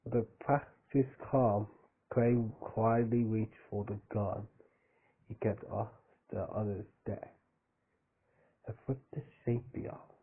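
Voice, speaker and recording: A man's voice: on the low side, breathy edge. A man reading a fan story aloud, stumbling over words and breaking off for joking asides. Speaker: reader of fan fiction. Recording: tinny phone-like audio.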